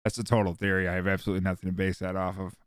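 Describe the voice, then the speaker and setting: A man's voice: low-pitched, little pitch movement, rapid-fire, dry recording, studio quality. A man co-hosting a podcast in casual chat, laughing often and agreeing easily. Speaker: podcast co-host.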